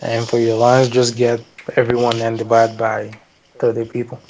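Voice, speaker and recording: A man's voice: medium pitch, completely flat delivery, moderate pace, a little mellow, slight background noise. A man chatting casually about gaming. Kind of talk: casual chat. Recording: dull lo-fi voice chat audio.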